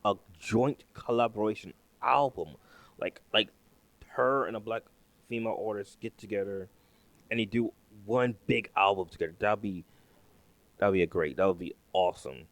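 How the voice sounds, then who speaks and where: A man's voice: lowish voice, moderate pace, no room sound. A man hosting a reaction video, talking casually and hesitantly, often repeating himself.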